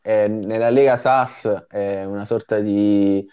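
A man hosting a casual football discussion, halting as he searches for words, in slightly dull, lo-fi audio. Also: on the low side, steady tone, mellow, smooth, dry recording. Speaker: host of a fantasy football discussion. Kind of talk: casual sports commentary chat.

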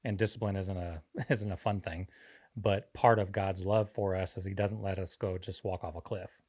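Lowish voiced guy walking through his faith stuff, earnest like a mini sermon. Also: fairly even intonation, moderate pace, darkish tone, husky. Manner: earnest, preacher-like explaining. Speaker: podcast co-host. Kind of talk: casual faith discussion.

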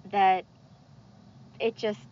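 A woman's voice: medium pitch, flat delivery, extremely slow. A woman who works as a speech pathologist, chatting in a dry, matter-of-fact way. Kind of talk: casual chat. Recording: dull lo-fi sound with faint noise.

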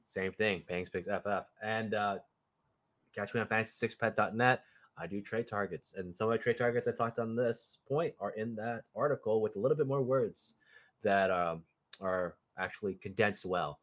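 A man chatting as a podcast guest, rambling and stumbling over his words. He slips in little laughing asides as he talks. His voice sits on the lower side. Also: normal speed. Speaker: podcast guest, fantasy football writer. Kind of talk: casual podcast chat.

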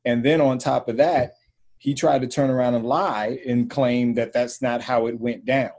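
A man chats on a podcast in a blunt, slangy way. His voice sits at a middling pitch and the recording is plain. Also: fairly even intonation, moderate pace, a little mellow. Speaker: podcast co-host. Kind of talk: casual chat.

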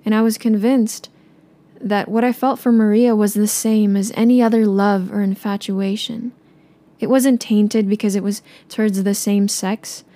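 A young woman, a native Tagalog speaker, narrating a personal story in a soft, subdued way. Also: medium pitch, fairly even intonation, normal speed.

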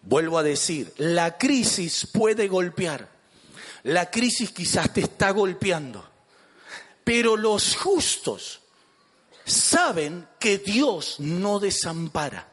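High, lively Argentine preacher man. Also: takes it slowly, slightly rough, long reverb tail. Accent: Argentine Spanish. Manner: preaching with jokes and questions to the congregation. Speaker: pastor. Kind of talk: sermon. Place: church.

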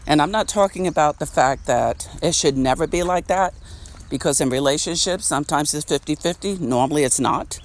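A man's voice: fairly high pitch, brisk. A man hosting an unedited podcast outdoors, talking reflectively and repeating phrases, laughing now and then. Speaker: podcast host. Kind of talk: casual unedited podcast monologue. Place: outdoors by a street. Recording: faint outdoor street noise. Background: traffic and street noise.

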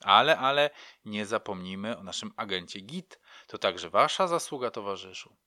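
A man's voice: lowish voice, lively intonation, moderate pace, bright, forceful tone, no echo, studio quality. A man voicing a pleased, gloating male communist-era prosecutor in a crime story. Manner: pleased, congratulatory.

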